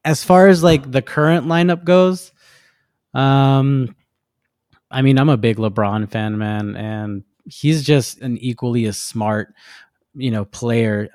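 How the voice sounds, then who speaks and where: A man's voice: medium pitch, slow pace, darkish tone, dry recording, studio quality. A man who works as a tattoo artist, a guest on a podcast, talking casually and rambling with loose, restarting sentences. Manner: loose and rambling, many fillers and restarts, laughs easily. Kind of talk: casual interview chat.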